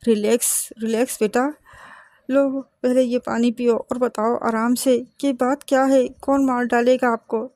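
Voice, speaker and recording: A woman voicing a calm father in a horror story, speaking in a firm, reassuring way. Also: fairly high pitch, dry recording, close to an everyday voice. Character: calm, steady father comforting his family.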